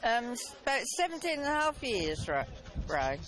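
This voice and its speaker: A woman's voice: fairly high pitch, sing-song, moderate pace, a bit bright. An elderly woman from Suffolk speaks with her local Suffolk accent. She chats casually as an interviewee, reminiscing in a conversational way. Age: 70s or older.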